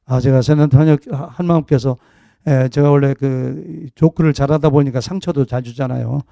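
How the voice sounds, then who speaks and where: Casting: man, middle-aged pastor, gravelly, mellow voice, dry close sound, jokey sermon delivery. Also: mid-range voice, steady tone, normal speed, dry recording, dull audio. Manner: jokey, conversational preaching with laughs.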